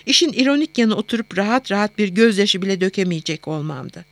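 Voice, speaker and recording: A woman narrating a first-person novel as an audiobook, quiet and introspective. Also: medium pitch, expressive, quick pace, dry recording.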